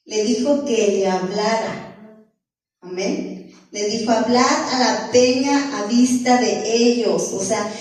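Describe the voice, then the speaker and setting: A woman's voice: a little high, darkish tone. A woman preaching a sermon in a church, earnest, often repeating herself and asking the congregation questions. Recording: echoey church room from far off.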